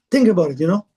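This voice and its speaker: Guy with a pretty high voice giving a casual spiritual talk, broken english, keeps asking the room stuff. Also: darkish tone. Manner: conversational, broken English, asks the room questions. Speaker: Kabbalah teacher. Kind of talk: informal spiritual lecture to a live group.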